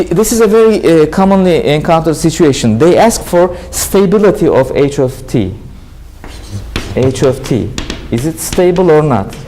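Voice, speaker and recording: A university lecturer with a Turkish accent, a native Turkish speaker, giving a classroom lecture and often asking questions, then answering them himself. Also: male voice, on the high side, mellow, poor audio. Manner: explanatory, asks and answers his own questions. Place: lecture hall.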